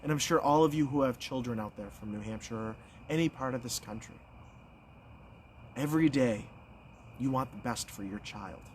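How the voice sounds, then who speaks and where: Young American male candidate, folksy stump speaker. Earnest, emphatic, mid-pitched, deliberate pauses; recorded outdoors with light insect noise. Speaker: political candidate. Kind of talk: folksy campaign stump speech.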